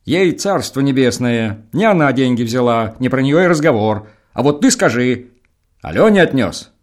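A man voicing a stern, hot-tempered village elder who demands answers loudly and slowly. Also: medium pitch, big pitch swings. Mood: demanding. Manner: loud, slow, demanding.

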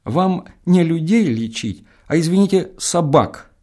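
A man's voice: a little high, lively intonation, a little slow, darkish tone, voice pushed up. A man voicing a slightly drunk, scornful country medic who mocks and accuses. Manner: mocking, accusing.

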